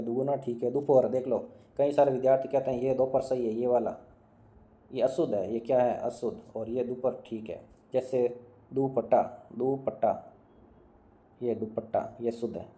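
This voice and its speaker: Man with dark flat voice drilling words. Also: mid-range voice. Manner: drilling students with quick questions and answers, repeating words. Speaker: Hindi grammar teacher. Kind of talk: online exam-prep lesson.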